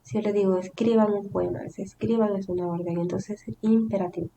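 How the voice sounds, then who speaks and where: A woman's voice: mid-range voice, steady tone, fairly quick, creaky, background noise. A woman teacher giving a recorded language lesson, explaining step by step and restating terms in simpler words. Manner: reads example sentences with acted intonation.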